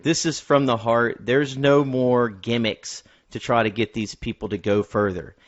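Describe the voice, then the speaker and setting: A man hosts a casual film discussion podcast. His voice sits in an ordinary middle pitch, and he often restarts mid-thought. The recording is a little dull and lo-fi. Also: steady tone, unhurried. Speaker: podcast host. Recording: dull, lo-fi sound.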